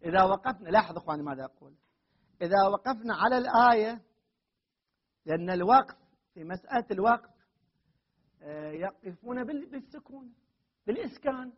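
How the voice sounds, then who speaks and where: A man with a high, husky voice lectures on grammar, repeating his points and leaning hard on key words. The recording is dull and lo-fi. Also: expressive. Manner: explains slowly with repeated phrases, rises to emphatic stresses. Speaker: teacher of Arabic grammar and Quran readings. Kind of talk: classroom lecture.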